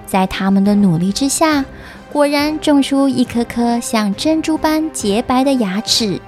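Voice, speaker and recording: High-voiced, unhurried woman storyteller. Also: expressive, darkish tone, soft background music. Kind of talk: scripted children's story narration.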